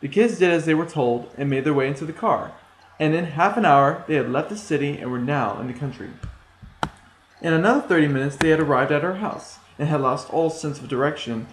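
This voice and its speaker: A man telling a fairy tale in a plain, somewhat hesitant storytelling manner. His voice sits fairly high for a man. The room has a strong echo. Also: brisk, slight background noise. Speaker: storytelling student. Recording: echoey room.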